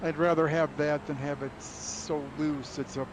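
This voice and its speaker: A man chatting casually and in a low-key way during a sim race. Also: flat delivery, normal speed. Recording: loud vehicle noise behind. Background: race car engine noise.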